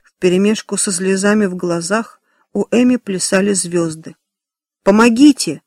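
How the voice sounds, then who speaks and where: A man narrating a children's novel in a steady, expressive storytelling manner. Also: high voice, moderate pace, no echo, studio quality. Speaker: audiobook narrator. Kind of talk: scripted narration.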